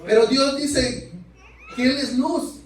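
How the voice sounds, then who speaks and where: High-voiced preacher man in echoey church. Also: steady tone, slow pace, a crowd in the background. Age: adult. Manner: keeps addressing listeners as brothers, asks rhetorical questions. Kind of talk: sermon. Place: church sanctuary. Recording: echoey church, mic far off.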